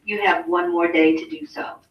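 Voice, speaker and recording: A woman's voice: on the low side, steady tone, highs cut off, crowd noise. Woman announcing over a school intercom. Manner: brisk, businesslike announcing. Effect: school intercom loudspeaker. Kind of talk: public service announcement. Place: classroom, heard over the intercom. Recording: echoey distant loudspeaker with faint noise.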